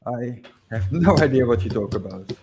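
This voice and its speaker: With a Dutch accent and Dutch as his mother tongue, a livestream host from the Netherlands casually reads viewer comments, stumbling through fillers and restarts with occasional chuckles. His mid-range voice has lively intonation at a normal speed, with background noise present.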